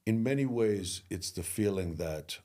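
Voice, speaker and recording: A middle-aged man from Greece, a leadership speaker and coach, talking earnestly in an interview and slowing down to stress key phrases. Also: on the low side, expressive, dark tone. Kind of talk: interview conversation.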